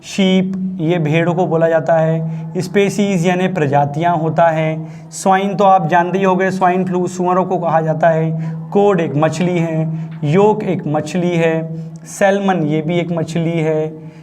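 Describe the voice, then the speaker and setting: A man's voice: fairly high pitch, fairly even intonation, a little slow, a little mellow. A man teaching English grammar in a chatty classroom style, often checking that students understood. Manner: chatty, repeatedly asks students if they understood. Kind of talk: classroom lesson, explaining.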